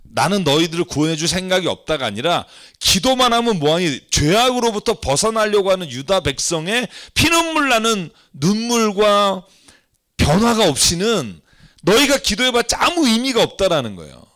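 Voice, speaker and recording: A man's voice: sits high, very animated, normal speed, a bit bright. A male pastor teaching from the Bible in a sermon, often turning to the congregation with questions. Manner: engaging, asks the congregation questions.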